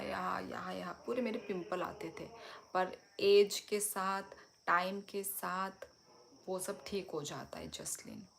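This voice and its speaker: Soft-spoken young woman from Tripura. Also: fairly low pitch, a little hiss or hum. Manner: chatty, reads and answers viewer comments, switches languages. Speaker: live-stream host. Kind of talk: casual live-stream chat with viewers.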